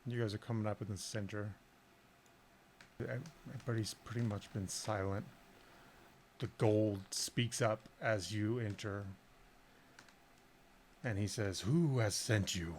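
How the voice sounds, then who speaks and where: A man's voice: on the low side, fairly even intonation, unhurried, pauses often, slight background noise. A man narrating a tabletop game as game master. He describes scenes at length and often uses filler words.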